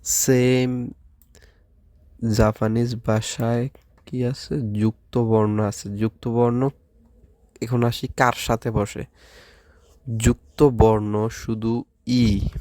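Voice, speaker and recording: A man teaching a language class, slowly drilling syllables one at a time and asking the students questions. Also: medium pitch, little pitch movement, warm tone, no echo, studio quality. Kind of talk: Japanese lesson with drilled syllables.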